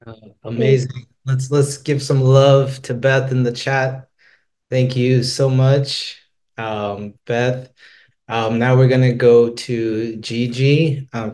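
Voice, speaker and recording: A man's voice: mid-range voice, darkish tone. A middle-aged man hosting a webinar from home, upbeat as he introduces the next speaker. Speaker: webinar host. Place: home room, indoors. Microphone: laptop on a video call.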